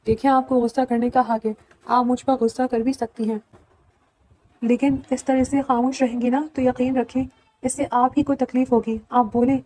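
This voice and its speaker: A woman's voice: on the high side, warm tone, close to an everyday voice, low-quality recording. A woman reading the lines of a caring but stubborn young woman in an audiobook, earnest and coaxing.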